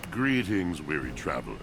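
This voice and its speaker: A man voicing a brooding, melancholy washing machine in a dating sim game, with a villainous voice and a grandiloquent, poetic monologue delivery. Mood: ominous, haughty. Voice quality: deep, villainous voice. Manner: theatrical, grandiloquent dramatic monologue.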